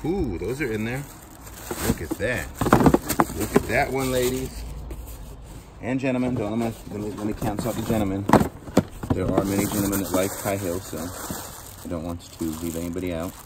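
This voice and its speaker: Outdoors by a cardboard box, a man who vlogs about storage auctions unboxes shoes and chats casually, speaking at normal speed in a fairly low voice with long pauses. He holds the camera himself in first-person view, and the background noise is loud.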